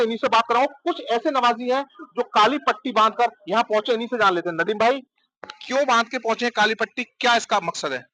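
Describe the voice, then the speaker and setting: High-voiced male field reporter. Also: low-quality recording. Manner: brisk scene-setting, steady murmured back-channel. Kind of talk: news field report and interview. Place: at a mosque after prayers.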